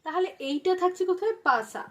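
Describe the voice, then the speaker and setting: A woman teaching a song at the harmonium, singing phrases slowly and then explaining the notes quietly and quickly. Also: high-pitched, lively intonation, heavy background noise. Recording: loud harmonium under the voice. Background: harmonium playing.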